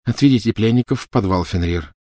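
A man's voice: fairly low pitch, fairly quick, warm tone, no echo, clean studio sound, natural voice. A man voicing a proud, indignant noblewoman who flares up in a storybook reading. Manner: flaring, haughty.

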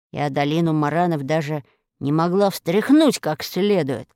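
A woman voicing an imperious, vengeful giant sorceress who schemes aloud in a lower, altered voice. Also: darkish tone, no echo, studio quality. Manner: commanding, scheming, mutters to herself.

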